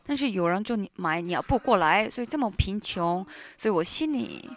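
Woman, sermon interpreter, halting delivery, frequent fillers, medium pitch. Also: expressive. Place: church hall.

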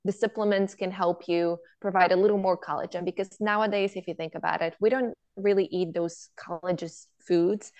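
A woman's voice: lowish voice, steady tone, a little fast, few pauses, darkish tone. A woman from Bulgaria, a product founder, explaining things in a podcast interview with occasional restarts.

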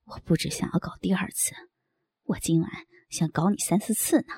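A woman voicing an eager adult man in an audio story, speaking in a husky, breathy half-whisper. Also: normal speed, darkish tone, dry recording, studio quality. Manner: low murmured lines, teasing and pleading.

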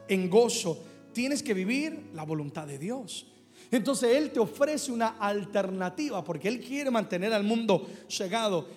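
High-voiced man preaching in a reverberant hall. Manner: preaching to a congregation, calling for responses. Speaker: pastor. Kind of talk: sermon.

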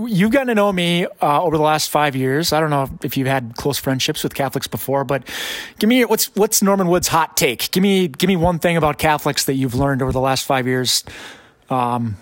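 A man hosting a conversational podcast in a casual, halting way, often restarting his phrases. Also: on the high side, dry recording. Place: basement of a guest home.

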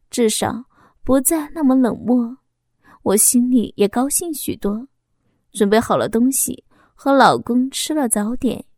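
Reading a first-person story aloud, a woman narrator keeps her fairly high voice soft and even, never rushing. The recording is close and dry, free of any room echo.

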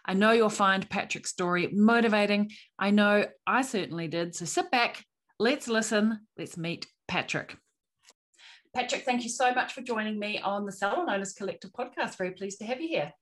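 A New Zealand woman hosts a business podcast, opening with an upbeat, promotional intro before interviewing a guest. Her mid-range voice is slightly bright and moves at a normal speed.

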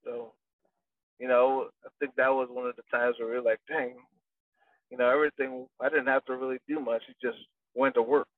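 With a medium-pitched voice, flat delivery, and a brisk pace, this boxing trainer chats casually in an interview, rambling and restarting with many fillers. The recording has no echo but sounds dry, distant, and like a phone line.

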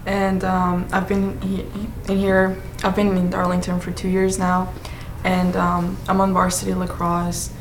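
Halting young woman from Iran. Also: on the low side, monotone, roomy sound, a little hiss or hum. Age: young adult. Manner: halting, with many likes and ums. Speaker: student guest. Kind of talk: casual interview answers.

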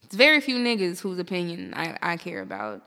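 Bright-voiced woman, reverberant room. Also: fairly low pitch. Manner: animated, slangy, quick to laugh. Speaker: podcast host. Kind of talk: casual, profane banter.

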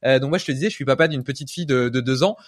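A man's voice: medium pitch, very fast, no room sound, studio quality. A man in his thirties hosting an interview, talking enthusiastically with many fillers and casual asides. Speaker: podcast host. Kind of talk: interview conversation.

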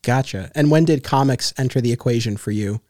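Warm-toned and medium in pitch, this man speaks a little fast as he hosts a podcast. He reads ads first, then interviews a guest casually in a friendly, attentive, clear way, and the recording is dry and studio-clean.

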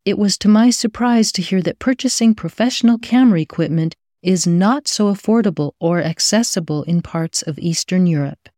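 A woman's voice: lowish voice, normal speed, hardly any pauses, warm tone, no echo, clean studio sound. A woman hosting a podcast, reading scripted intros and interviewing a guest in an upbeat, effusive way. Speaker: podcast host.

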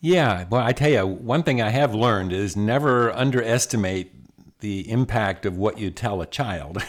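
A middle-aged man, an executive coach, telling stories in a lively, conversational way with frequent restarts and asides. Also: on the low side, measured pace. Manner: animated, many restarts and asides. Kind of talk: conversational storytelling.

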